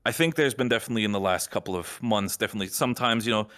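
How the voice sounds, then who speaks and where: A man with a somewhat low voice talks through a podcast update for his project's community. He rambles a little, circling back and restarting phrases, but keeps a reassuring tone as he lays out how things will work. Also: rapid-fire, fairly bright tone. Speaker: admin team member.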